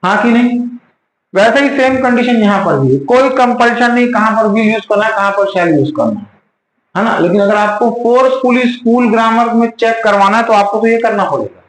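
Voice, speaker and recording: A man's voice: high voice, brisk. A male teacher giving a classroom grammar lesson, quizzing his students again and again. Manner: quizzes students with repeated questions. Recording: roomy classroom echo.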